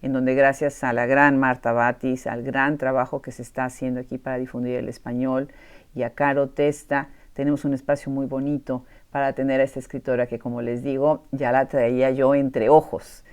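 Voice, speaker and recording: A woman's voice: extremely low pitch, level tone, normal speed, clean tone. A woman hosting a podcast interview in person at a university, welcoming and enthusiastic with her guest. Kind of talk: casual interview conversation.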